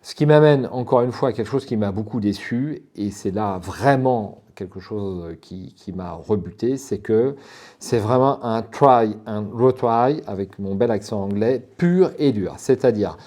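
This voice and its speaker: A man's voice: on the low side, moderate pace, dark tone. A man from France giving a frank, casual spoken review of a gamebook, hesitating with restarts and fillers as he thinks.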